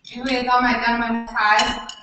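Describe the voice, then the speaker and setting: A middle-aged woman giving a motivational keynote, animated, quizzing the audience and acting out voices in her stories. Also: a little high, moderate pace. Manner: animated, asks the audience questions, acts out quoted voices. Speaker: keynote speaker. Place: conference room. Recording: very echoey hall, voice from far off, faint noise.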